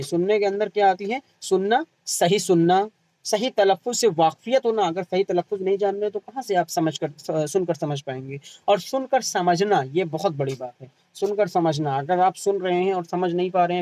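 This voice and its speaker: A man's voice: high voice, a little mellow, no room sound, rough recording. A man with an Indian Urdu accent teaching an exam-prep lesson, asking questions and answering them himself, repeating key terms and adding "hai na".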